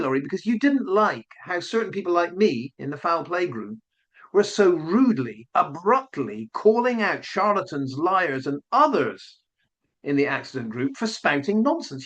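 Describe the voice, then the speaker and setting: A man's voice: high-pitched, very animated, normal speed, fairly bright tone. A man giving a combative, sarcastic opinion commentary as the host of his channel. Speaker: online commentator.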